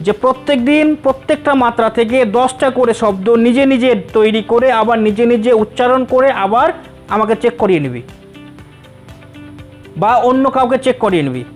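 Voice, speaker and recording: A male teacher giving a reading lesson, repeating syllables slowly to drill pronunciation and addressing his students familiarly. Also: very high voice, lively intonation, faint music behind.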